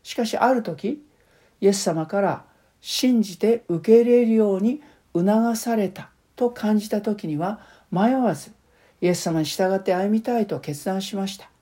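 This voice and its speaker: Calm, mellow-voiced woman preaching. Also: mid-range voice, slightly rough. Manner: calm, measured preaching with personal testimony. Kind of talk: sermon.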